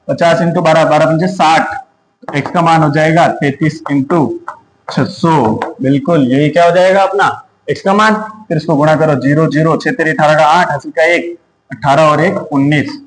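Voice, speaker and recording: High-voiced maths teacher, echoey room. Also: male voice. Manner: works through sums step by step, asking and answering himself. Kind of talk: exam-prep maths lesson.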